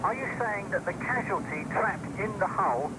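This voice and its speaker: A man's voice: high voice, animated, moderate pace. A male coastguard operator speaking over a marine VHF radio with clipped, formal radio procedure. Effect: marine VHF radio transmission. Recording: distant radio voice under loud noise.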